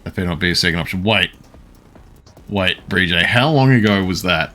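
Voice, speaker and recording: A man streaming a video game live, talking casually and answering his chat with frequent pauses to think. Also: sits low, lively intonation, sharp tone, soft background music. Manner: responds to chat messages, pausing often to think.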